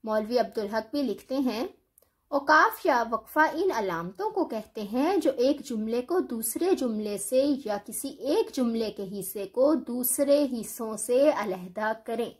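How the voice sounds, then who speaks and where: Female teacher, high voice, measured scripted lecture delivery. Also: expressive. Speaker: Urdu teacher.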